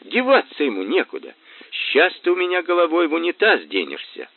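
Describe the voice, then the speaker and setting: A man's voice: on the high side, huge pitch swings, a little fast, vocal fry, no echo, pitched above the performer's own voice, full character voice. A man voicing a drunk, rowdy thug who blusters coarse threats; tinny, dry recording. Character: drunk, rowdy middle-aged male thug. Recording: tinny phone-like band, dry.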